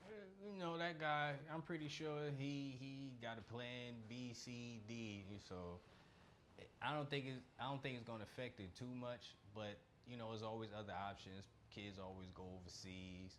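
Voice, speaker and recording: A man's voice: mid-range voice, moderate pace, a bit bright, slight background noise. A man co-hosting a podcast, chatting about basketball in a laid-back, slangy way and often hedging his views. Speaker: podcast co-host. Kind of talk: casual sports chat.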